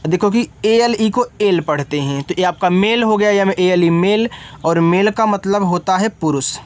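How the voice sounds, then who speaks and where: A man's voice: high voice, measured pace. A man teaching beginners to read English, spelling each word letter by letter and then explaining it, often checking whether the learner follows.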